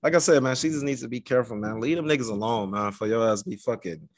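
Male podcast co-host, dry studio sound, mid-pitched, casual slangy delivery with free swearing. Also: quick pace, no room sound. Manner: slangy, conversational. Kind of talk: casual profane chat.

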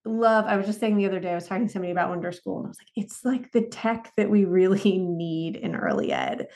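Chatty upbeat woman hosting a podcast, casual interview talk, middle pitch. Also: big pitch swings, quick pace, darkish tone. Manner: upbeat, chatty, says y'all and rad. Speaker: podcast host.

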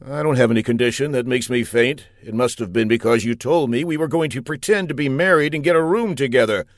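A man's voice: mid-range voice, a little fast, no echo, studio quality, lightly acted. A man playing a dim-witted, boastful male hero who talks in a naive, self-satisfied way.

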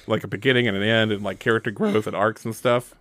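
A man's voice: fairly low pitch, fairly even intonation, quick pace, a bit bright, dry recording. Male comedy podcast host, casual improvised narration, stop-start delivery, self-mocking, close dry sound.

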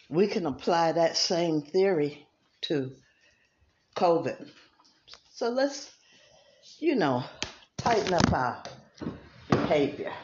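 A woman chatting casually and affectionately to her viewers, out of breath and laughing softly now and then. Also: lowish voice, muffled recording. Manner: slow, folksy and affectionate, with soft laughs. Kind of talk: casual encouraging chat to viewers.

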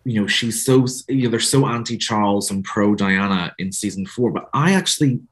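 Guesting in a conversational interview, this Northern Irish author speaks at a moderate pace in a fairly low-pitched male voice with a Northern Irish accent. He comes across as thoughtful and hesitant, with many restarts.

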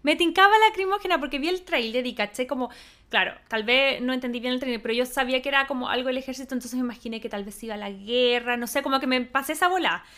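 A woman with a Chilean accent co-hosting a casual film chat, relaxed and thoughtful with everyday slang. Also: high-pitched, racing. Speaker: podcast co-host.

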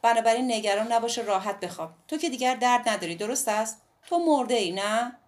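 A woman voicing a playful, bold young woman in an audiobook, her delivery bright and teasing. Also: fairly high pitch, voice pushed up, natural voice. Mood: tender, teasing. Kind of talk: audiobook dialogue reading.

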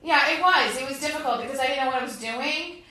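A woman in her thirties performing an animated stand-up comedy set on a club stage, acting out characters as she goes. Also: high-pitched, quick pace, recorded from a distance. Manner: animated, acts out characters in quotes. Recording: very echoey room, faint crowd noise.

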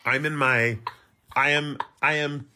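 A woman's voice: deep voice, fairly even intonation, a little slow, sharp tone. A woman in her forties co-hosting a casual chat podcast, dry and self-mocking in her jokes. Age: 40s. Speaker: podcast co-host.

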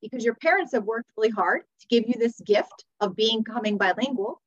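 A woman's voice: a little high, brisk. American woman guest, slightly muffled audio. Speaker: podcast guest, teacher and author. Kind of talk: conversational personal storytelling.

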